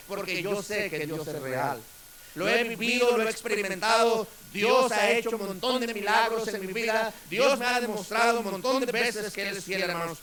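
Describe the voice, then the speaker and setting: A man's voice: sits high, sharp tone, roomy sound, low-quality recording. A man pastor preaching a fervent sermon to his congregation, often calling them brothers.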